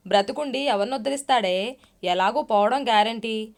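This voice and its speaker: A woman's voice: on the high side, moderate pace, vocal fry. Storybook role: shrewish middle-aged mother, harsh and scolding, read by a woman narrator. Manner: harsh, cursing, shouting.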